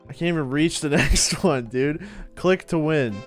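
A man streaming a game and commenting, excitable, laughing and shouting often, swearing a lot. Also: fairly high pitch, unhurried, faint music behind. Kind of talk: gameplay commentary.

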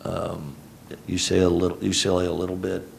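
A middle-aged man from Houston, a head basketball coach, answering reporters after a game in a rambling, self-correcting, low-key way, speaking into a table mic in a press conference room. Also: monotone, fast talker, vocal fry, a little hiss or hum. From Houston, Texas. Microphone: table mic on a stand.

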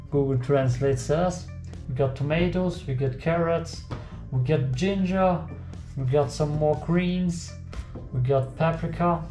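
A young man with a German accent, from a German-speaking country, jokes to himself while cooking in a small home kitchen for his vlog. His voice is a little high with a dark tone. The casual cooking vlog was recorded in an echoey kitchen with faint music.

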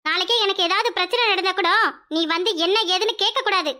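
Performer doing a jealous young woman, cutting curt delivery, very high pitch. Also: quick pace, bright, forceful tone. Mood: spiteful.

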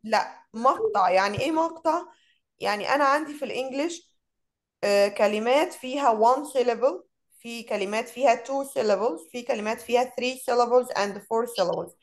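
A woman's voice: a little high, low-quality recording. A woman with an Egyptian Arabic accent teaching an online English lesson, mixing Arabic and English and drawing out words as she models them. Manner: switches between Arabic and English, drawn-out word modeling.

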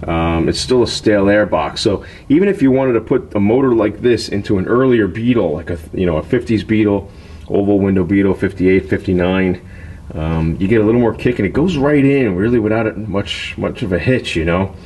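A man owner of a car restoration shop, giving a casual walkaround tour in his garage, talking in a relaxed, rambling way with lots of fillers. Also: on the low side, a little fast.

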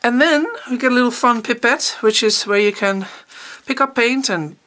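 Bright-voiced, chatty woman unboxing supplies. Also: fairly high pitch, normal speed. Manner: chatty and enthusiastic, thinking aloud. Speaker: art teacher. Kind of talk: casual unboxing chat.

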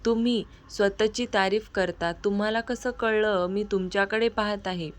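A woman narrator voicing a shy young wife who pleads softly with her husband. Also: medium pitch, steady tone, normal speed, close to an everyday voice. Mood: pleading.

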